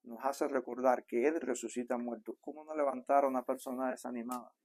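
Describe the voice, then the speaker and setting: A man's voice: mid-range voice, steady tone, fairly quick. A man with a Cuban accent preaching a sermon as a pastor, talking to the congregation in a conversational way and acting out the quotes. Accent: Cuban Spanish. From Cuba. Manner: conversational preaching, acts out quotes softly then builds in volume. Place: church sanctuary.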